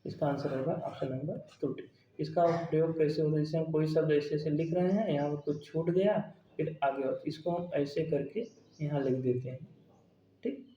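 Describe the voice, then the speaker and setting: A man's voice: a little high, normal speed, mellow, slight background noise. A man, teaching grammar for an exam-prep lesson, asking questions and then answering them step by step. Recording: dull, roomy sound.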